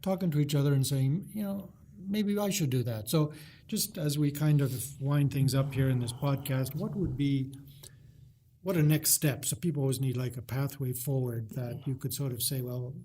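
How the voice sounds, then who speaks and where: A man's voice: mid-range voice, moderate pace, mellow. A man hosting a casual interview podcast in an informal, meandering way. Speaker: podcast host.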